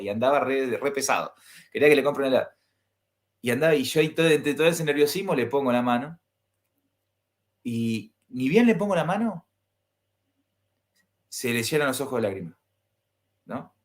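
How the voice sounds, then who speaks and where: Argentine pastor guy telling his story, acts out all the voices, keeps asking the crowd stuff. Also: mid-range voice. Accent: Argentine Spanish. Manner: animated, acts out dialogue and asks the listeners questions. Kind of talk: personal storytelling to an audience.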